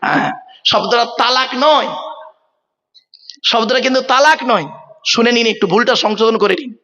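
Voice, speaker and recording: A man's voice: extremely high pitch, moderate pace, sharp tone, in a large hall, lo-fi sound. A man preaching a sermon to a gathering, quizzing the crowd and drilling the pronunciation of words. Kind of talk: Bengali waz sermon. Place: large outdoor religious gathering.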